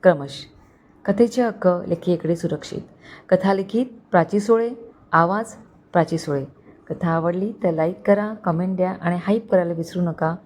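A woman storyteller narrating a story in a steady, dramatic way. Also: lowish voice, normal speed.

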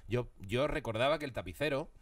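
A man's voice: medium pitch, animated, fairly quick, no echo, far from the mic. A man, a comedian co-hosting a podcast in casual, jokey chat, ranting and swearing freely.

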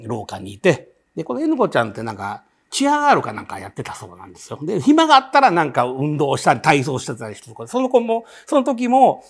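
A man's voice: medium pitch, creaky, husky. A man with a Kansai accent telling a ghost story, vividly acting out the voices of the people in it.

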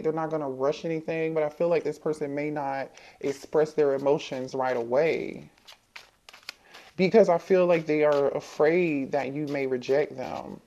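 Her voice is low and warm, though the audio sounds dull. As a tarot reader giving viewers a relaxed reading, she muses out loud, questions the cards, and circles back over the same points.

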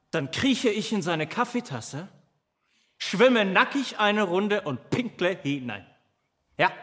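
An actor playing a devoted protective companion who imagines himself tiny and vengeful, speaking in a halting theatrical monologue that keeps stammering and repeating words. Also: male voice, fairly high pitch, a bit bright, long reverb tail. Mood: playful. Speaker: stage actor in a filmed play.

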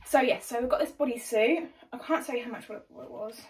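A young woman with an English accent chatting through a clothing haul in a bubbly, energetic way, filmed at home under a ring light. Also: on the high side, quick pace, low-quality recording. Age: young adult. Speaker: vlogger. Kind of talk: casual haul vlog.

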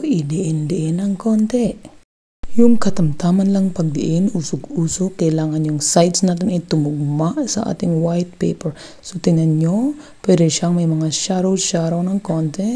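A woman's voice: lowish voice, mellow. A middle-aged woman hosting a craft tutorial, chatty and teaching step by step with playful joking asides. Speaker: craft video host.

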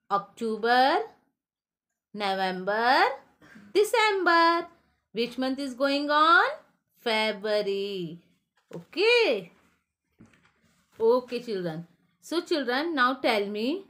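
Slow sing-song Indian English teacher. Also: female voice, fairly high pitch, fairly bright tone. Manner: slow, sing-song, repeats each question. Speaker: school teacher. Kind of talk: classroom phonics lesson for young children.

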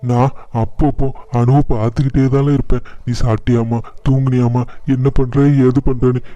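A man's voice: mid-range voice, little pitch movement, moderate pace, warm tone, dry recording, muffled recording, natural voice. Man voicing a pleading old father. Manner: pleading, coaxing. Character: pleading elderly father, gentle and soft-hearted.

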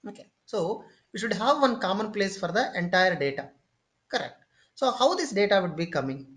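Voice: medium pitch, lively intonation, a bit bright. Patient, repetitive tech instructor. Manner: explains step by step, often pausing with "okay" and "say"; repeats and restarts phrases while thinking. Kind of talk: screen-share tutorial lecture.

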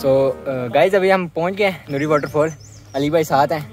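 A man's voice: fairly high pitch, normal speed, a little mellow, faint music behind. A young man from Pakistan chatting to viewers in a casual travel vlog, filmed outdoors on a phone held at arm's length. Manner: chatty, addresses viewers directly. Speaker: vlogger. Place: outdoors by a roadside.

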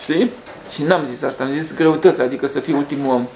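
A man with a gravelly, slightly high voice talks through a rambling spiritual monologue. He restarts and hesitates often. The room echoes, and a faint hum sits underneath. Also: darkish tone. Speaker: host.

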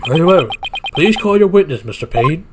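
A man's voice: a little high, expressive, normal speed, heavy background noise, close to an everyday voice. A man doing a fussy old judge. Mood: formal. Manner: stiff, formal courtroom pronouncements. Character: older male judge, easily flustered. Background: game music.

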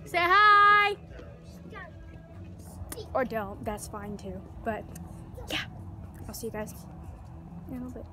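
Music plays in the background as a young American vlogger chats casually to her viewers in a mid-range voice with fairly even intonation, a moderate pace and long pauses. She films on a phone or device at arm's length in her bedroom, kitchen, car and outside at night.

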